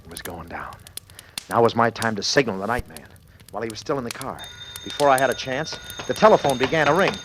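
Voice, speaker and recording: A man with a mid-range, slightly bright voice speaks fast in a lightly acted performance of a desperate businessman narrating his ordeal. His clipped, urgent sentences carry rising panic in 1940s radio thriller style. The old-time radio recording is noisy.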